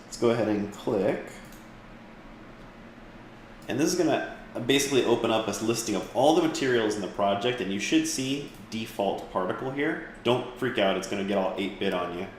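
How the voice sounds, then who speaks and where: A man's voice: lowish voice, moderate pace, heavy reverb, a little hiss or hum, poor audio. A man teaching a live class on a video call, explaining steps loosely with fillers and restarts. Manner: relaxed, rambling, with fillers and restarts. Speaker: instructor. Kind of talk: live class software tutorial.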